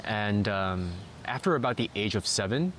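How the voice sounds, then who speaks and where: A man with a fairly low voice, raised in Malaysia, talks through his vlog in a steady, explanatory way. Faint noise sits under the recording. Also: normal speed. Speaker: vlogger. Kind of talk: scripted vlog narration.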